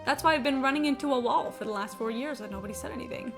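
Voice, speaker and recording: Her voice is a little high and creaky, and she talks rapid-fire while gaming on a live stream. She's opinionated, emphatic, and free with swearing in this casual chat, and video game music plays behind her.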